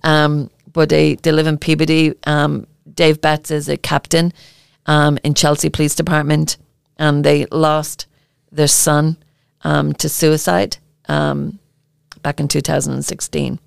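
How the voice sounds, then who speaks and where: A woman with an Irish accent co-hosting a podcast, talking earnestly and haltingly with many filler ums. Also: sits low, flat delivery, creaky, smooth, dry recording, clean studio sound. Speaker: podcast co-host. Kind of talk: casual podcast chat.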